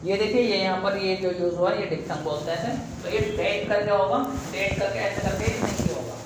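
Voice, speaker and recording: A man's voice: high voice, a little fast, background noise. A man teaching a casual video lesson, calling the viewers "guys" and stretching out and repeating sounds to demonstrate them. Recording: very echoey room.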